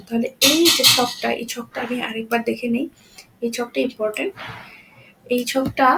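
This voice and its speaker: A woman's voice: fairly high pitch, a little hiss or hum, poor audio. A woman teaching a grammar lesson, repeating examples and checking in with her students.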